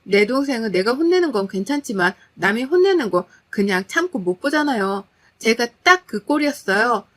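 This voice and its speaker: A woman's voice: a little high, big pitch swings, normal speed, a bit bright. A woman narrating a first-person story in an indignant, dramatic manner.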